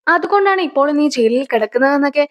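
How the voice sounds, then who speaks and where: A woman's voice: sits high, animated, quick pace. A woman retelling a drama's story as a voice-over narrator, quoting the characters' lines in her own voice.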